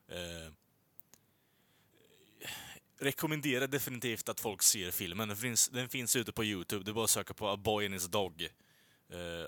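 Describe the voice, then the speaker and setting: A man's voice: on the low side, bright, forceful tone, no echo. A man chatting casually as a podcast co-host, rambling with many filler sounds and casual swearing. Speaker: podcast co-host reviewing films and music. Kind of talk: casual chat.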